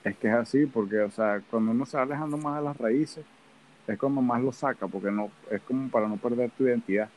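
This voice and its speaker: A man's voice: medium pitch, a little fast, darkish tone, low-quality recording. A man with a Venezuelan accent co-hosting a podcast, talking in a playful, rambling, chatty way. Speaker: podcast co-host. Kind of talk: casual chat.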